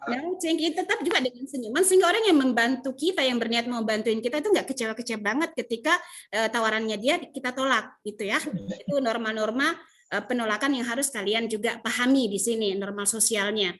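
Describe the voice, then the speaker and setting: A woman from Indonesia teaching English in an online class, explaining in Indonesian and modelling English phrases with lively intonation. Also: on the high side, fast talker. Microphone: video call.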